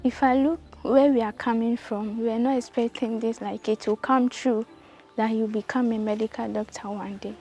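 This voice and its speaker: A woman's voice: on the high side, steady tone, moderate pace, dark tone. A Ghanaian woman, the student's elder sister, speaking simply and gratefully in an interview.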